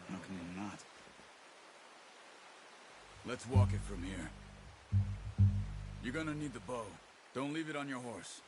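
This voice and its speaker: A man's voice: lively intonation, a little slow, pauses often, over music, lightly acted. An American man playing a seasoned, watchful hunter in a video game, giving terse, patient instructions. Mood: focused, cautious. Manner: instructive, terse, low-key commands. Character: seasoned male hunter, patient, watchful outdoorsman guiding a companion. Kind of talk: naturalistic video game acting. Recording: game dialogue under loud outdoor ambience.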